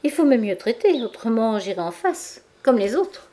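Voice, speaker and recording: A woman's voice: fairly high pitch, sing-song, normal speed, warm tone, pitched above the performer's own voice. A woman reading aloud voices a stubborn, touchy bourgeois woman customer in an audiobook, talking in an insistent, haughty way. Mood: offended.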